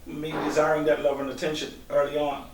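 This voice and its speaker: A middle-aged Guyanese man, a guest on an interview, answers questions hesitantly with many ums and restarts. His voice sits on the high side, brisk with a flat delivery. The recording has an echoey room, a distant mic and faint hiss.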